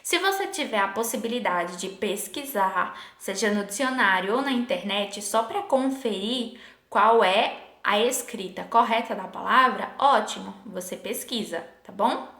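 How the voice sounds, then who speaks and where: A woman teaching a Portuguese lesson, patiently asking her students questions and slowing down to sound out example words. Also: medium pitch, animated, fairly bright tone. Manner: patient, asks the class questions, slows to spell out sample words. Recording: echoey room.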